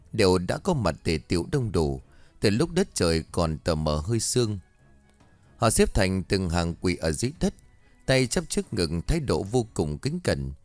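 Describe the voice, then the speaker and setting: Low-voiced man narrating a ghost story. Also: a little mellow, no room sound, clean studio sound. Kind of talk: scripted horror story narration.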